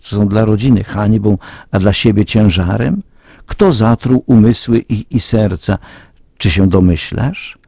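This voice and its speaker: A man's voice: on the low side, gravelly, dark tone, breathy edge, no echo, clean studio sound, full character voice. A man reading as a stern hag of hell. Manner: stern, accusing, slow-paced reproach. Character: scolding female demon hag of hell.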